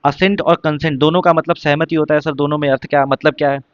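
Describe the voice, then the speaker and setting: Guy teaching vocab for exams, repeats stuff, asks rhetorical questions, slightly high voice. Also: steady tone, fast, smooth, no room sound, highs cut off. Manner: repetitive, explains with rhetorical questions. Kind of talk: exam-prep vocabulary lesson.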